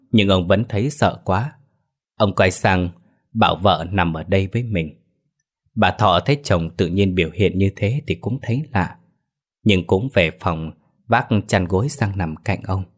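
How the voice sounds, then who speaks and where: A man reading a ghost story aloud in a measured, suspenseful way. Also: sits low. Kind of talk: scripted ghost story narration. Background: faint music.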